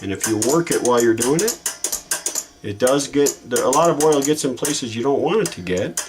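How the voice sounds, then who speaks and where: In his how-to video, a man who fixes things as a hobby talks informally through a hands-on repair, musing aloud while he works. He has a medium-pitched voice with lively intonation and a normal pace, over background noise.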